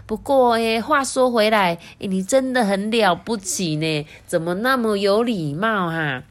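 A woman voicing a sensible, brisk mother in a storybook, nagging and scolding. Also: mid-range voice, pitched above the performer's own voice, lightly acted. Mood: polite.

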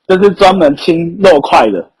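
Husky, higher-voiced young Taiwanese man. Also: moderate pace, darkish tone, low-quality recording. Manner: often chuckles while telling stories. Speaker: podcast guest. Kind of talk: casual anecdotal storytelling. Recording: rough amateur podcast audio.

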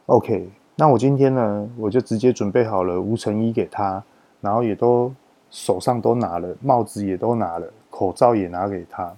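A man with a Taiwanese Mandarin accent, telling a work story as a podcast host in a casual, animated way, stretching his sentence-final particles for emphasis. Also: lowish voice, moderate pace.

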